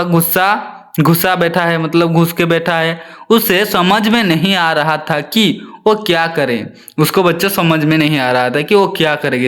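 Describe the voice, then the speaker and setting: A man's voice: on the high side, fairly bright tone. A male teacher reading a story aloud to young children, often repeating lines and asking them questions.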